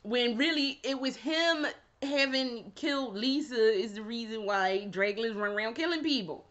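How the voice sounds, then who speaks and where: A woman's voice: on the high side, moderate pace, fairly bright tone, lo-fi sound. Woman chatting in a slangy recap. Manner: casual, slangy and swearing, laughs while retelling. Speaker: vlogger reviewing a show. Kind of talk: casual chatty review.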